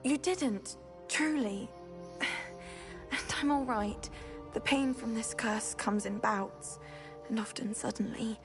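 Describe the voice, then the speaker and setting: An actress playing a gentle, weary young cursed witch, speaking softly and at times breathily in a video game. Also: fairly high pitch, slow, pauses often, over music.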